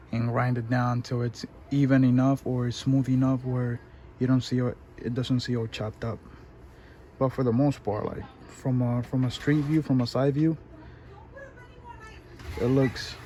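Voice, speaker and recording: A man talking loosely through a hands-on motorcycle job, pausing and restarting his sentences as he works. His voice sits at an ordinary middle pitch. Clear workshop noise and clatter carry behind him. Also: mellow. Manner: rambling, self-correcting, casual. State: out of breath at times. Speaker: motorcycle DIY vlogger. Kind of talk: casual how-to narration.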